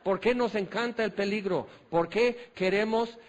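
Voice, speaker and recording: A man's voice: high-pitched, a little slow. A man preaching a sermon, folksy and self-deprecating, hammering home points with repeated questions. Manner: rhetorical, repetitive questioning.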